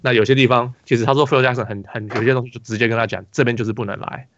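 A man's voice: medium pitch, fairly even intonation, very fast, fairly bright tone, highs cut off, slight background noise. A man with a Taiwanese Mandarin accent, hosting a casual basketball podcast, telling a rambling story full of restarts and fillers. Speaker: podcast host.

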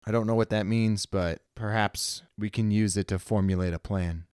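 Give me a stranded starship captain, as a man plays him, tense and weary with a clipped, commanding delivery. The voice is clear and resonant, recorded dry and close. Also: on the low side, fairly even intonation, normal speed, a little mellow, dry recording, lightly acted.

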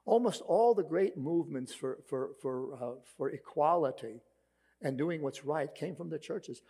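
A man's voice: a little high, expressive, unhurried, dark tone, husky. A man with a Brooklyn accent preaching a sermon as a pastor, emphatic yet conversational, posing rhetorical questions. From Brooklyn, New York.

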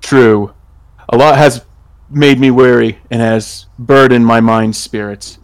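A man's voice: mid-range voice, fairly even intonation, slow pace, clear, resonant tone, no echo. A man playing a polite, honourable werewolf traveler in a tabletop game, speaking in a formal, solemn way. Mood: respectful. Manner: formal, deferential. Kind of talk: tabletop role-play character acting.

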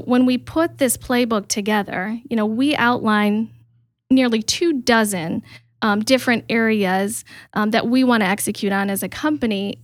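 A woman hosts an interview podcast with eager enthusiasm, talking chattily and filling pauses with ums and you-knows. Her voice sits on the higher side. The sound is close and dry. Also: dry recording. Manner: enthusiastic, chatty, frequent fillers. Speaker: podcast host.

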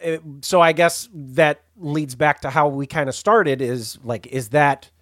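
A male podcast host asking casual interview questions, halting and restarting as he goes. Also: a little high, a bit bright.

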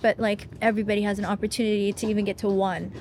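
A woman talking as a guest in a casual conversation, animated and chatty with lots of fillers. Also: mid-range voice, racing, a little hiss or hum. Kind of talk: casual conversation about faith.

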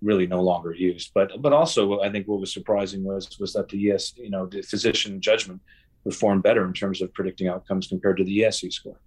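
A man interviewed as a guest researcher on a podcast, speaking in a measured way with frequent fillers and restarts. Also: low voice, fairly even intonation, breathy edge.

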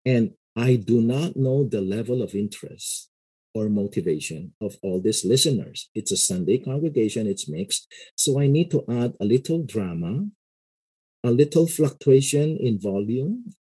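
Husky, warm-voiced middle-aged man explaining. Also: mid-range voice, poor audio. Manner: explanatory, measured, peppered with "you know". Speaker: pastor and seminary lecturer. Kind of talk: casual interview talk.

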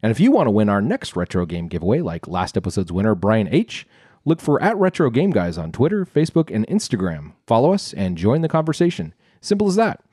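A man's voice: fairly low pitch, wildly swooping pitch, a little fast, mellow, breathy edge, no room sound, clean studio sound. A man hosting a casual retro gaming podcast, chatty and given to acting out little asides. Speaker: podcast host.

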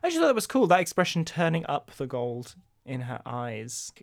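A man's voice: fairly high pitch, very animated, normal speed, gravelly. A man co-hosting a podcast, chatting casually and analytically about a novel with wry, dry humour. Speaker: podcast co-host. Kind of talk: casual book-club chat, reading excerpts aloud.

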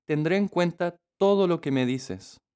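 Guy doing a squeaky sweet little girl, eager and sing-songy, storybook style. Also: measured pace, dark tone, clear, resonant tone, lightly acted. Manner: high, eager, sing-song.

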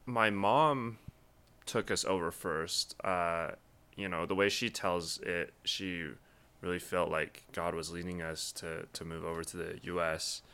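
A young man from Taiwan, a guest in a casual interview, answering in a thoughtful, measured way with frequent pauses. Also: low voice, steady tone, sharp tone, smooth. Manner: thoughtful, measured, many ums.

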